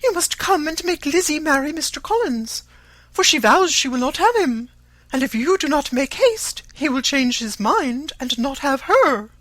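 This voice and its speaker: A narrator voicing a fussy, nervous middle-aged mother in an audiobook, shrill, exclaiming and insistent. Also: big pitch swings, normal speed, fairly bright tone, dry recording. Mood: frantic, pleading. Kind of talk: audiobook character voice.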